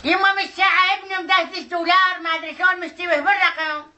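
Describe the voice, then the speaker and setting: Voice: very high-pitched, fairly even intonation, fast, sharp tone, heavily acted. A prankster voicing a pleading old Iraqi mother with coaxing endearments on a comic prank call in Iraqi Arabic. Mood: wheedling. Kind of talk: prank phone call impersonation. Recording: noisy amateur phone-call recording.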